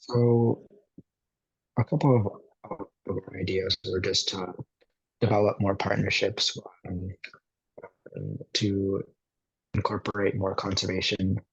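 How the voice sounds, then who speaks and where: A man speaking up as a workshop participant over a video call whose audio keeps cutting out; he talks in a hesitant, halting way with fillers. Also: deep voice, flat delivery, slightly rough, no room sound, highs cut off. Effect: choppy video call audio cutting out.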